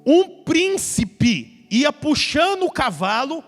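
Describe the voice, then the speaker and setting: High-voiced man preaching in a church. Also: slow pace. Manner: lively storytelling preacher who acts out the characters. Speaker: pastor. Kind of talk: sermon. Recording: hall reverb with faint music.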